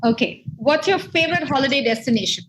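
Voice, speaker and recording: A woman hosting a virtual dating show over a video call, upbeat and firing off quick questions. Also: high-pitched, expressive, a little hiss or hum, rough recording. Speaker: show host.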